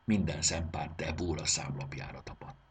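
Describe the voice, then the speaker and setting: A man narrating a children's story aloud in an expressive reading. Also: very deep voice, a little hiss or hum. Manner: expressive, lilting delivery.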